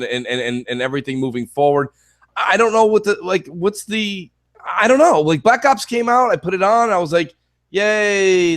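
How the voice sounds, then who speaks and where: A laid-back man co-hosting a casual gaming chat, quick to agree and fill in. His voice sits somewhat high for a man. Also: fairly bright tone. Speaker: co-host.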